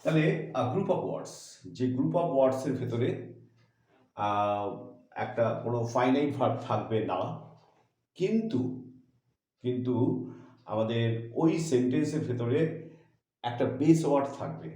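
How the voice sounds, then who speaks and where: A man with a Bengali accent teaching English grammar in a slow, halting way, slowing further when he reads English definitions. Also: mid-range voice, expressive, mellow. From India. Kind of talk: lesson. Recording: echoey room.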